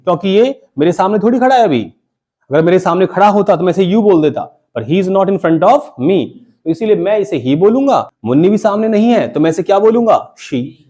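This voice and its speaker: High, lively-voiced male teacher quizzing class. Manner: call-and-response questioning, repeats key terms. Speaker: English teacher. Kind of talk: classroom grammar lesson. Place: classroom with students.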